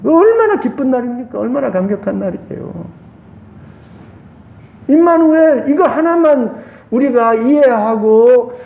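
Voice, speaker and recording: A pastor with a Gyeongsang accent preaches with passion, his very high voice climbing to loud peaks and dropping to hushes. He is recorded in an echoey room. The sound is thin and phone-like. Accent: Gyeongsang Korean. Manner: impassioned preaching, swings between loud highs and hushed lows. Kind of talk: sermon.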